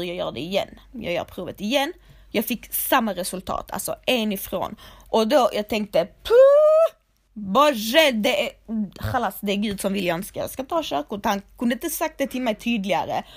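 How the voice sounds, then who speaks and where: A young woman talks casually and bluntly, handing out advice like a big sister. She swears freely and keeps calling her listener "gumman". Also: medium pitch. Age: 20s. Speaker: vlogger giving advice. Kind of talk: casual advice talk to camera.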